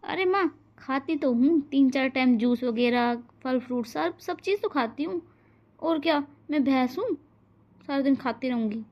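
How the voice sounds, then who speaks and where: A woman's voice: high voice, moderate pace, muffled recording, natural voice. A woman voicing a pampered, demanding pregnant young daughter in a cartoon family drama, casual in tone. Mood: dismissive.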